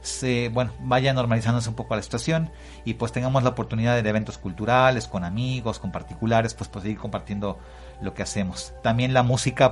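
Fast-talking Mexican man on radio. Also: medium pitch. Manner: talks freely and at length, with many "pues" and "este". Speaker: guest musician. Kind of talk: casual radio interview.

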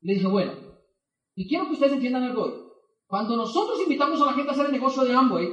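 A man, working as a motivational speaker, tells an audience a story at a quick pace, his very high voice lively as he acts out the quotes. It's recorded in an echoey hall with a distant mic.

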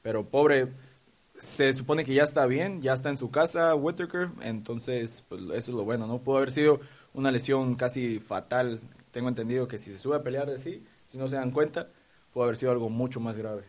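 A man's voice: mid-range voice, a little fast. A man co-hosting a sports talk show, joking and rambling in a laid-back way. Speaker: co-host.

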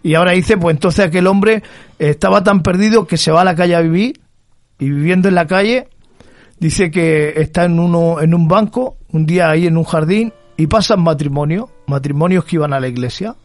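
High-voiced preacher, fervent. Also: male voice, brisk, dry recording, soft background music. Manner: storytelling, rising to fervent emphatic repetition. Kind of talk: sermon.

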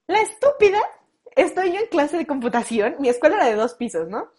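A young woman with a Mexican accent, close to twenty, telling a story in casual chat, animated and full of slang, acting out what people said. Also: sits high, fairly quick. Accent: Mexican Spanish. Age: late teens. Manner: animated, slangy, acts out quoted lines. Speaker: guest.

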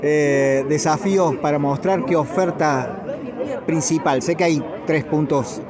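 A man's voice: fairly high pitch, a little slow. A man with a Cordoba Argentine Spanish accent, conversationally putting questions as a live radio interviewer. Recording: dull lo-fi sound, busy crowd noise.

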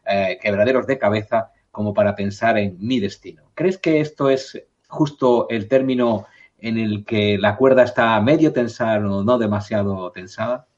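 Low-voiced male radio host. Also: moderate pace, darkish tone, highs cut off. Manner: conversational, reading listener messages aloud. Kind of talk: radio talk show hosting.

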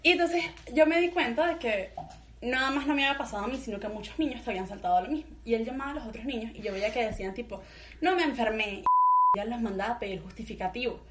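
Woman podcaster, high voice, heavy background noise, animated storyteller. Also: rapid-fire. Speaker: podcast co-host. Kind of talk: casual storytelling chat.

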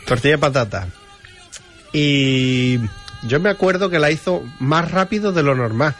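A male radio co-host spins a comic story, stumbling and restarting as he goes. His voice sits a little higher than most men's. The studio chat is casual. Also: a little slow, faint music behind. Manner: animated anecdote teller, restarts often.

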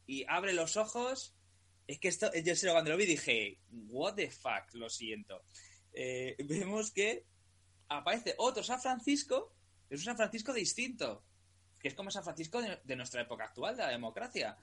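A man, co-hosting a casual chat, relaxed and quick to jump in. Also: high voice, husky.

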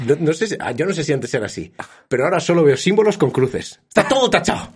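Self-mocking male co-host with a breathy voice, rambling in casual talk. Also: on the high side, big pitch swings, quick pace, darkish tone. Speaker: podcast co-host. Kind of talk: casual chat.

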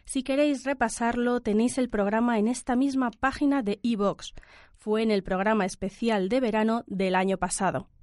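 A woman's voice: a little high, fairly even intonation, moderate pace, darkish tone, dry recording, studio quality. A woman hosting an educational radio program, asking her guest questions in a friendly, conversational way. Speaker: radio host.

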